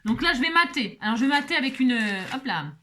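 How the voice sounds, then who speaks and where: A woman's voice: sits high, big pitch swings, fast, pushed and bright, a little hiss or hum. A woman hosting a home craft tutorial, chatting casually as she works and often checking in with the viewer, with plenty of fillers while she thinks aloud. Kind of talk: casual step-by-step craft demonstration.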